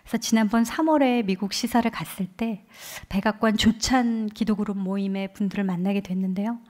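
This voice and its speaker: In a church sanctuary, a guest speaker at a revival, a woman in her forties, shares her story through a microphone with sincere conviction. Her voice sits in the mid-range and moves briskly, and she brings lively emotion to the words of others she quotes.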